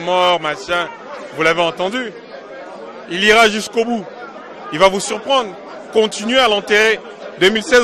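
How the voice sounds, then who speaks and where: A man from Congo gives forceful, insistent interview answers, driving his points home through repetition. His voice sits high and sounds bright and sharp. He is outdoors in a city, with a faint crowd murmuring behind him. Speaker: diaspora political activist.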